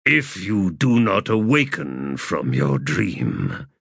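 A man's voice: deep voice, very animated, takes it slowly, gravelly, fairly bright tone, husky, no room sound, clean studio sound, exaggerated voice. A man voicing a stern ancient elder god who speaks in a grave, commanding way.

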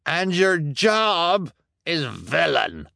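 A man's voice: lowish voice, wildly swooping pitch, unhurried, pushed and bright, no room sound, studio quality, full character voice. A man voicing an eager, bloodthirsty townsman who gloats triumphantly. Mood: gloating.

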